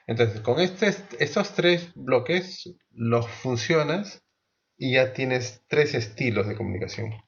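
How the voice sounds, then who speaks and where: A man teaching a class, explaining slowly, asking the students questions and restarting his sentences often. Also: mid-range voice, lively intonation, gravelly, muffled recording. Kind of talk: online class lecture.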